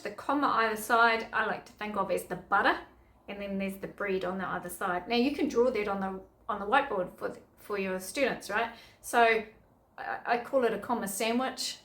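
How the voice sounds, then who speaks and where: A woman's voice: mid-range voice, a bit bright, roomy sound. A middle-aged woman, giving upbeat, chatty teaching tips to other teachers. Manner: chatty, upbeat, self-correcting.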